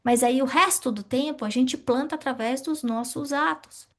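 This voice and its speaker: A middle-aged woman teaching a spiritist study class, asking questions and answering them herself in a lively way. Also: high voice, moderate pace.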